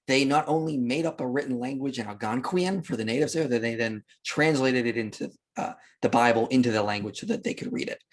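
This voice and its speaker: A medium-pitched man appears as a podcast guest, explaining history and religion conversationally and repeating phrases for emphasis.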